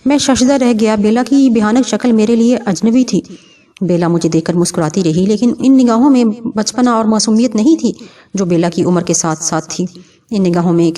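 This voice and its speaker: A woman narrates a horror audio novel with a soft, mellow tone. Her reading is steady and measured. The voice sits somewhat back from the microphone, giving a slightly distant sound. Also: mid-range voice.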